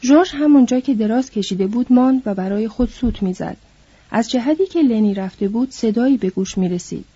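A woman reading a novel aloud as an audiobook narrator, in a measured, descriptive way. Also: a little high, lively intonation, warm tone, husky, no echo. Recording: dull lo-fi recording.

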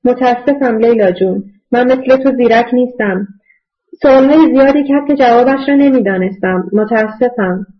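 A woman's voice: fairly high pitch, lightly acted. Woman reading as a timid, apologetic woman, shaken, dull lo-fi audiobook. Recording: dull lo-fi recording.

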